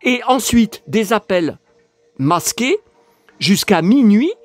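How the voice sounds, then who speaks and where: A man's voice: sits high, sing-song, slow, no room sound. A man vlogging at home in a casual monologue, talking indignantly and rambling with many fillers and restarts. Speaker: YouTuber.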